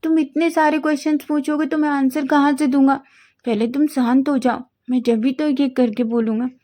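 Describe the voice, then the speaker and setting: A woman's voice: high voice, steady tone, normal speed, warm tone, pitched above the performer's own voice, close to an everyday voice. A woman doing a shy stammering young man. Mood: calm. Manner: stammering when nervous.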